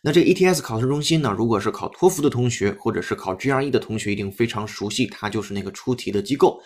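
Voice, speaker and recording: A man's voice: mid-range voice, lively intonation, fast talker, a little mellow, breathy edge. A man hosting a broadcast-style English lesson, upbeat and explaining step by step with repeated drills. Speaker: English teacher and host. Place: studio broadcast.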